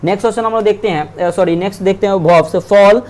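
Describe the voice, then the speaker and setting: Guy with a pretty high voice teaching verb forms online, reads lists, keeps saying theek hai. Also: quick pace, a little mellow. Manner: reads word lists aloud, repeating and self-correcting. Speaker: English grammar teacher. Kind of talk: online grammar lesson.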